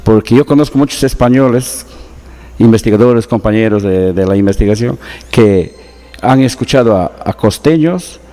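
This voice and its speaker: A man's voice: medium pitch, warm tone. A man with a Peruvian Amazonian Spanish accent, patiently explaining things to an interviewer and backing his points with examples. His voice carries a long, reverberant echo, with faint music playing underneath. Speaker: guest, researcher.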